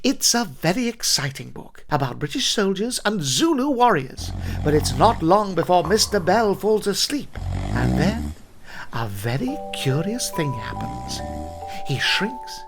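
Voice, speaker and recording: A man giving scripted narration for a children's cartoon in a measured storybook manner. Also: fairly high pitch, very animated, creaky, over music.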